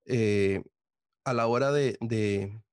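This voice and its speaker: A man with a Costa Rican accent hosting a podcast interview, asking his guest questions with many pauses, fillers and restarts. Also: lowish voice, clear, resonant tone, no room sound, studio quality. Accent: Costa Rican Spanish. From Costa Rica. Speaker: podcast host. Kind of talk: casual interview.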